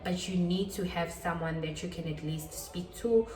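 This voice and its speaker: A young woman in her twenties chats casually to her viewers, her voice sitting a little low. She is self-deprecating and repeats her points for emphasis. The sound is roomy and echoey, and she sits back from the mic. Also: darkish tone, far from the mic. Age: 20s. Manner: chatty, self-deprecating, with quick laughs and repetitions. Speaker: channel host. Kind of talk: casual talking-head vlog.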